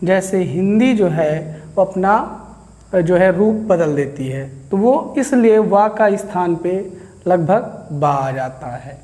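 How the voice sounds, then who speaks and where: A man's voice: sits high, animated, takes it slowly, warm tone, big-room sound. A man teaching Hindi grammar to a class, who asks questions and answers them himself. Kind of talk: classroom lecture.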